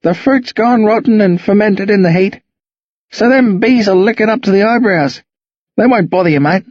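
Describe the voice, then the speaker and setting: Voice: mid-range voice, moderate pace, no echo, lo-fi sound, voice pushed up, natural voice. A reader voicing a friendly, chatty older country man with a broad, slangy drawl. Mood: easygoing.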